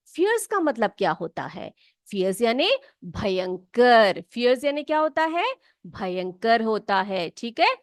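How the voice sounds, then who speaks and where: A woman teacher from North India, explaining English words and spelling them out slowly, often checking whether the pupils follow. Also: fairly high pitch, a bit bright, no echo, clean studio sound. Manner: slow, drawn-out spelling and frequent check-ins with pupils. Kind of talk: classroom English vocabulary lesson.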